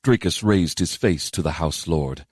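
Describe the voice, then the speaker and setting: Deep-voiced male audiobook narrator. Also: a little slow, a little mellow, slightly rough, no echo, studio quality. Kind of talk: scripted fantasy narration.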